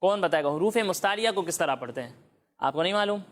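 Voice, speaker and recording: Children's Quran teacher, patient quizzing, slow demonstration of each sound, mid-pitched voice. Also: expressive. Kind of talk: children's Quran recitation lesson.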